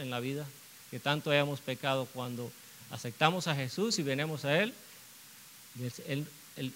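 A man's voice: on the high side, a bit bright, rough recording. Guy preaching a sermon, earnest, keeps repeating himself for emphasis, slight hiss. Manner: earnest, repeats phrases for emphasis, asks rhetorical questions.

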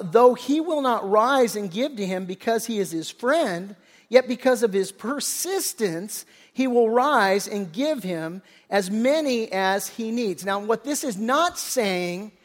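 An older man preaching a conversational sermon as pastor, folksy and full of restarts, often acting out the characters' lines. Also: high-pitched. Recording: long reverb of a large hall.

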